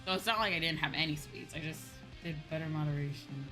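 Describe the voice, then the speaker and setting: With music playing behind her, a woman streams a game live and chats expressively with viewers, rambling casually in a low-pitched voice and talking fast.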